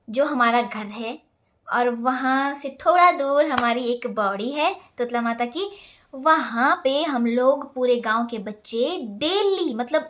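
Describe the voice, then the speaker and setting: A woman's voice: on the high side, a bit bright. A young woman vlogger telling childhood stories in a casual, chatty way, laughing often and slipping into English phrases. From Himalayan India. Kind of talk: casual Q&A vlog.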